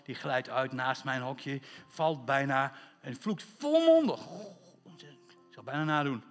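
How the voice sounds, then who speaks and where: A man's voice: medium pitch, expressive, takes it slowly, in a large hall, faint music behind. A man preaching a sermon as pastor, emphatic, drawing out words for stress and asking rhetorical questions.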